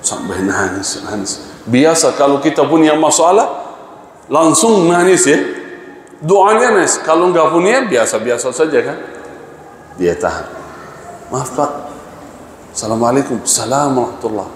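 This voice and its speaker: A man's voice: on the high side, big pitch swings, measured pace, long pauses, slight background noise. A man preaching a sermon in a large mosque. He asks the congregation rhetorical questions and acts out the people in his story. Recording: echoey mosque hall, faint ambience.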